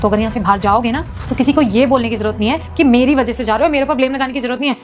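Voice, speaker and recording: A woman's voice: a little high, very fast, close to an everyday voice. A woman playing a hot-tempered, pleading young wife. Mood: pleading, scolding. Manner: scolding, self-justifying, pleading. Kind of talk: short domestic drama. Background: faint background music.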